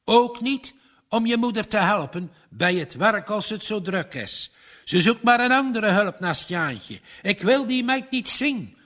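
Casting: indignant old farmer, loud and high, swinging wildly, a man reading it. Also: animated, measured pace, heavily acted. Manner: shouting, indignant, pitch jumps up. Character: angry stubborn old farmer father.

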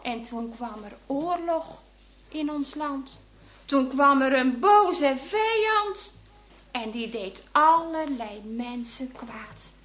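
A woman reading aloud voices a gentle, pious middle-aged father speaking tenderly to his daughter in a children's story. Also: sits high, lively intonation, takes it slowly, exaggerated voice.

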